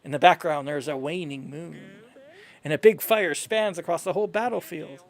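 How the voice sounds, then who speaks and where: A man's voice: on the high side, moderate pace, close to an everyday voice. Man playing a pompous, self-promoting painter. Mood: boastful. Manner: grand, salesman-like. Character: pompous self-promoting painter selling his abstract art.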